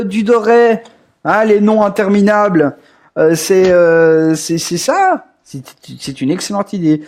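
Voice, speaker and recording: A young man with a high-pitched voice runs a casual group voice call. He rambles, trips over his words and repeats himself often, with plenty of filler sounds. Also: a little mellow. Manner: rambling, lots of hesitations and repeats. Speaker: group staff host.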